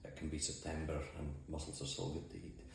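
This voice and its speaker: A Shetland-accented mussel farmer and boat skipper answers interview questions in a plain, understated way. His voice is very deep and gravelly, with a level tone and a quick pace. He's indoors in an office, and the recording has heavy room echo and faint noise.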